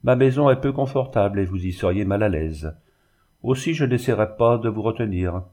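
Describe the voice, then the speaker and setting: A man's voice: on the low side, lively intonation, moderate pace, dark tone, lightly acted. A man reading the part of a bitter, sarcastic middle-aged glassmaker in a storybook reading. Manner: sarcastic and sneering.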